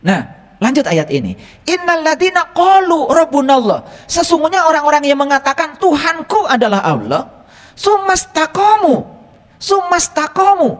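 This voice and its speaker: A man's voice: extremely high pitch, fairly bright tone. A male religious teacher gives a teaching lecture, teasing his listeners with rhetorical questions. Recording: long reverb from a hall.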